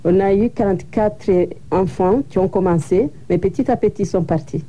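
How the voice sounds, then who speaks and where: A woman's voice: medium pitch, normal speed, dark tone, dull audio, a little hiss or hum. A woman giving interview answers in a plain, matter-of-fact storytelling way. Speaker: interviewee, association co-founder.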